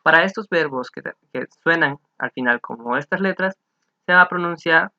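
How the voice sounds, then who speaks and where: A young man with a Salvadoran Spanish accent, teaching English grammar in a recorded online lesson and repeating words slowly for pronunciation. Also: a little high, pushed and bright. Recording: dull lo-fi recording.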